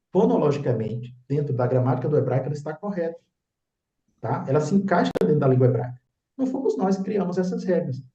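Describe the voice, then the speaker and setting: A man's voice: a little high, mellow. A man explains slides as a religious teacher, insistent and often checking in with the listener. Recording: echoey room, dull lo-fi sound.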